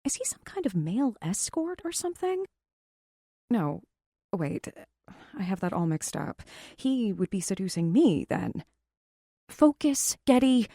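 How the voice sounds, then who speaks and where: A woman narrating a first-person romance audiobook in a wry, sarcastic, expressive way, close to the mic. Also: mid-range voice, a little slow, no echo.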